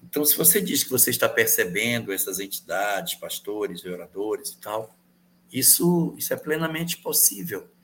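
A man answering viewer questions in a calm, measured explanatory talk, repeating key phrases for emphasis. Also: fairly low pitch, slight background noise. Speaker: spiritist guest answering questions.

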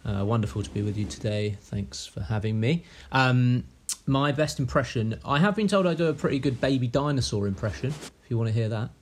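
A man's voice: medium pitch, animated, brisk, hardly any pauses, slight background noise. A man in his thirties with a southern English accent, a laid-back guest on a video call. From south of England. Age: 30s. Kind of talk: casual chat on a video call.

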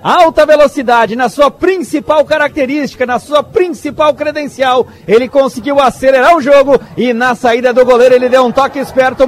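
A man with a Brazilian accent giving football match commentary, recapping plays as the analyst. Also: extremely high pitch.

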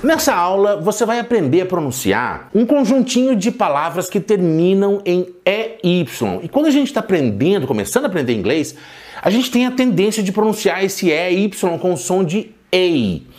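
Professor homem, voz aguda e expressiva. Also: male voice, sits high, sing-song, a little mellow. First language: Portuguese. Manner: clear, drawn-out model pronunciations. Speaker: English teacher. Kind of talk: podcast pronunciation lesson.

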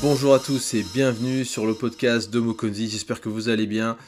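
A man hosting a podcast interview, enthusiastic and often pausing on fillers. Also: mid-range voice, flat delivery, loud music behind the voice. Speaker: podcast host.

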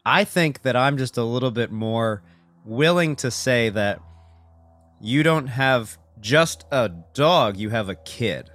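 A man's voice: mid-range voice, animated, slow pace, a bit bright, faint music behind. A man hosting a casual video call chat, talking in a thoughtful, hedging way with many fillers.

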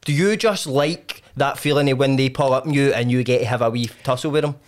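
A man's voice: medium pitch, fairly quick. A man with a broad Scottish accent hosting a casual interview, rambling through his questions in a matey, sweary way. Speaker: podcast host.

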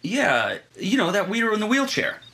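A man's voice: sits high, huge pitch swings, normal speed, vocal fry, pushed and bright, exaggerated voice. Man as a cocky, sardonic young cartoon schemer. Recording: music behind the voice.

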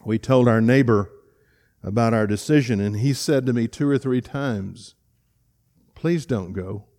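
A middle-aged man delivers a sermon from the front of a church. He speaks earnestly and with emotion, stumbling and restarting now and then. His voice sits in an ordinary middle pitch. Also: normal speed, a little mellow. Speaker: pastor. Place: church sanctuary.

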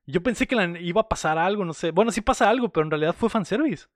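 Man, Mexican accent, fairly high pitch, dry close sound, rambling slangy movie recap. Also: animated, rapid-fire, dry recording. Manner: rambling storyteller, fills lines with slang. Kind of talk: casual movie recap chat.

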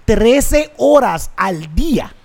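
A man hosting a casual comedy podcast, an animated storyteller who laughs often. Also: very high voice, very slow, creaky. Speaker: podcast host.

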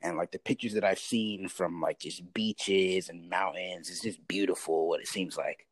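A man's voice: deep voice, steady tone, normal speed, husky, dry recording. A man hosting a podcast, chatting in a laid-back, slangy way with many fillers. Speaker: podcast host. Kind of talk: casual interview.

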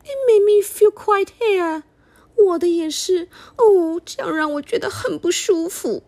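A woman doing a shrill, fussy mother bear. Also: measured pace, dark tone. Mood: indignant.

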